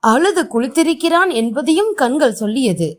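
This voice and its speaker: Lively woman reading stories aloud. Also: sits high, moderate pace. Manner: expressive reading with voiced dialogue. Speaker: storyteller.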